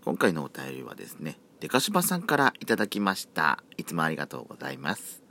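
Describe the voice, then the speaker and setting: A man's voice: extremely low pitch, huge pitch swings, quick pace, gravelly, pushed and bright. A man with a Yamagata accent hosting a solo chat podcast, talking in a chatty way with campy, feminine turns of phrase. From Yamagata, Japan. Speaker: podcast host.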